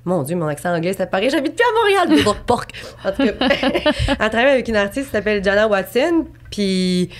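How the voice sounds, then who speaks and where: A woman's voice: mid-range voice, expressive, quick pace. A woman in her twenties with a Québécois accent, a painter talking as a guest in a casual podcast interview, chatty and rambling with lots of fillers and restarts. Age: 20s.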